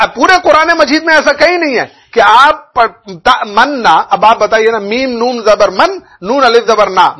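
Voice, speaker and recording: A man's voice: high voice, fairly bright tone. A man teaching a religious lesson on Quran recitation, explaining with everyday examples and often asking if listeners understood.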